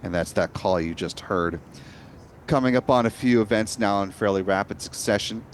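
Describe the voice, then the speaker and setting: A man's voice: on the low side, normal speed, slight background noise. A man hosting a live launch webcast, explaining events in a composed way.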